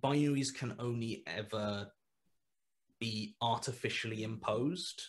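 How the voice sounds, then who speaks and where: Speaking at medium pitch and a little slowly, a man on a headset call rambles, restarts often and wanders off into asides. He's a podcast creator and writer being interviewed casually over video from a small room at home.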